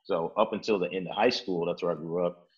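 In his apartment, a young man from Chicago, Illinois, answers interview questions in rambling casual talk, restarting often and filling it with "like" and "uh." His low voice is brisk and fairly even, and the recording is muffled.

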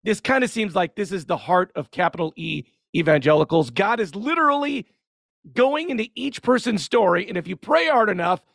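High, gravelly-voiced man, dry mic. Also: animated, brisk, fairly bright tone, no echo. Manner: wry, segment-introducing. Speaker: podcast host. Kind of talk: casual commentary on sermons.

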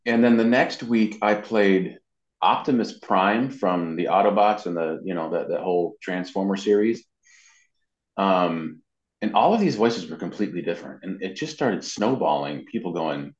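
A middle-aged man, an amateur voice actor being interviewed, tells anecdotes casually and acts out quoted dialogue. His voice is fairly low, expressive and darkish at normal speed, on a dull, roomy, echoey recording.

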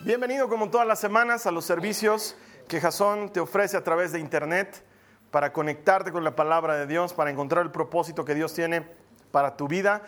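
A man preaching as pastor of a church, lively and joking with his congregation. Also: fairly high pitch. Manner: lively, jokey preaching with acted asides. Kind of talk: sermon.

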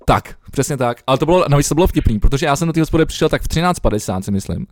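A young man co-hosts a podcast over a remote call, chatting loosely with plenty of swearing and filler words. His medium-pitched voice is expressive, and the sound is studio quality with no echo.

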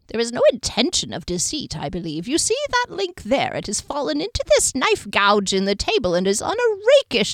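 A woman voicing a patronizing male wizard diviner with a nasal, sibilant voice and slow, knowing pronouncements. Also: sits high, no room sound, clean studio sound, pitched above the performer's own voice, heavily acted.

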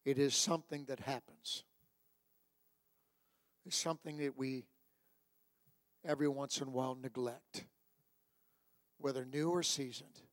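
Man preaching, swinging from hushed to shouting. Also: medium pitch, fairly even intonation, unhurried, pauses often, dry recording. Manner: exhorting, repeats phrases for emphasis. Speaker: pastor preaching to a church congregation. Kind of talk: sermon with altar call.

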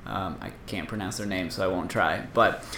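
A man's voice: low voice, moderate pace, sharp tone, a little hiss or hum. Male podcast co-host, whiny, rambling with fillers; roomy recording. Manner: rambling, joking, lots of fillers. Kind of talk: casual podcast chat.

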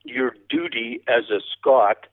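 A man chatting casually as an interview guest, a cowboy poet with a halting, rambling, folksy storytelling manner. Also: mid-range voice, steady tone. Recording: thin band-limited radio or phone-like sound.

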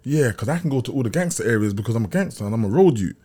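Very fast and animated, this medium-pitched male voice is mellow yet slightly rough. A Brixton man with a South London accent, he tells stories casually as an interview guest, full of street slang and frequent checks that the listener is keeping up.

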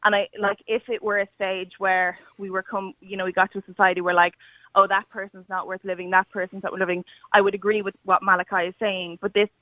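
A woman calling in to a radio debate over a phone line. She speaks earnestly and haltingly, restarting her sentences and filling them with "like" and "you know". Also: mid-range voice, flat delivery, no room sound. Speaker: radio caller. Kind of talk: call-in debate. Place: calling in by phone, not in the studio.

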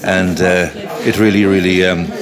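A man's voice: sits low, level tone, moderate pace. A man from County Clare with a west of Ireland accent, reminiscing thoughtfully and hesitantly in an interview. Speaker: interviewee sharing memories of a friend. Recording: music and loud crowd behind. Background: music and crowd.

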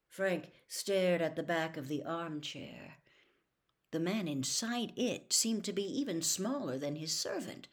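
A woman reading a novel aloud as a storyteller, dramatic and dropping to a whisper for suspense. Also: on the low side.

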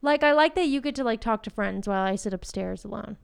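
Female podcast co-host, frank and teasing, higher-pitched and smooth. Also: quick pace. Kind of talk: casual couple chat.

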